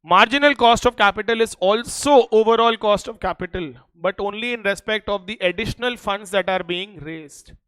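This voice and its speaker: Indian-accented man, high smooth voice, classroom lecturer, emphatic delivery, checks in with students. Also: moderate pace, few pauses, fairly bright tone, no room sound. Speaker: accountancy teacher.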